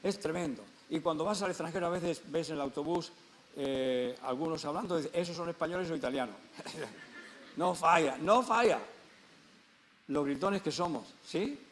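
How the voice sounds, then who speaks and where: A man's voice: a little high, normal speed, slight background noise. A man with a Spanish accent, a pastor preaching a sermon, telling stories in a conversational way with repetitions and rising emphatic peaks. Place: church.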